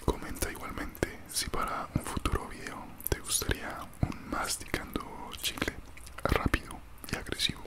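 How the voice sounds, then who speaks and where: A young man whispers casually in a breathy ASMR style right up at the microphone, chewing gum as he chats. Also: moderate pace. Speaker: ASMR creator. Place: small room indoors at home. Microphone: large desktop condenser mic, very close.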